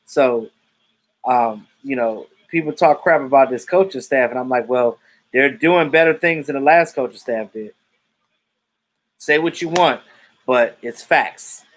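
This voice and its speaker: Speaking a little slowly in a mid-range voice, this thirtysomething live-stream host of Jamaican heritage talks football casually and answers viewers, blunt in his opinions and free with his swearing.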